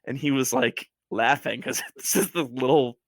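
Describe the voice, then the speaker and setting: A man guesting on a podcast, telling a story in a casual, animated way with lots of fillers. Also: mid-range voice, normal speed.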